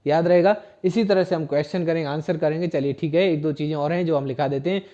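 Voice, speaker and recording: On a dull, lo-fi recording, an Indian-accented spoken English teacher talks fast in a steady tone, his voice fairly high yet mellow. He works through a classroom-style lesson, spelling words letter by letter and repeating each phrase with patience.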